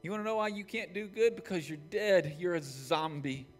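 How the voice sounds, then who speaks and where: A man in his forties preaching a sermon from a church stage as pastor, with impassioned delivery that swings between raised, shouted points and hushed, quiet prayer. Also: high-pitched, normal speed, soft background music.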